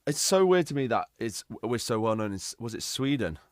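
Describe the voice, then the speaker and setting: A man's voice: mid-range voice, very animated, fairly quick, no room sound, clean studio sound. A young man chatting casually with his live-stream viewers, easygoing and talkative, calling out names from chat. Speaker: livestreamer.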